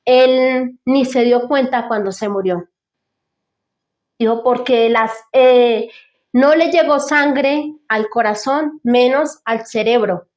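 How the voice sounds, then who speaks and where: A woman giving an earnest, devout personal testimony as an interview guest, talking in halting restarts. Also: a little high, darkish tone, lo-fi sound.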